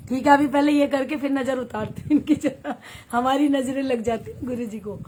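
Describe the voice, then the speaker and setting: A woman from Haryana hosts a devotional satsang, her voice sitting a little high as she chats easily with her viewers. She moves between a story and their comments, laughing often. There is a faint hiss under her voice from the phone stream. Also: moderate pace. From Haryana, India. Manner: chatty, warm, laughs often, reads viewer comments aloud. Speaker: satsang leader on a livestream. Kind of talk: devotional storytelling and live chat.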